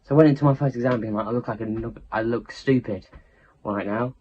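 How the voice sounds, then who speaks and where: A man's voice: medium pitch, fast talker, a little hiss or hum. A teenage boy tells a storytime tale in a loose, chatty ramble. He trips over his own sentences and restarts them. The recording sounds slightly dull and lo-fi. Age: teens. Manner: rambling, self-interrupting, chatty. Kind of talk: casual storytime chat.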